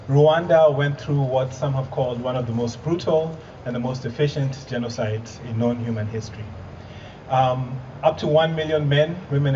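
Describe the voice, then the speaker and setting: A man's voice: medium pitch, mellow. A man in his thirties from Kenya, giving an earnest live presentation to an audience with light humor and some fillers. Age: 30s. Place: event hall with audience. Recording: distant muffled hall recording with faint noise.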